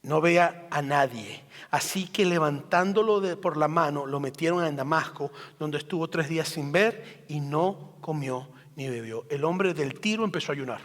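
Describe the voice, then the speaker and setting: A pastor with a notably high voice preaches an emphatic sermon, stacking phrase upon repeated phrase to drive each point home. His voice rings out with a long reverb tail, as in a large church sanctuary. He shifts between quiet asides and strong, rising emphasis. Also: moderate pace.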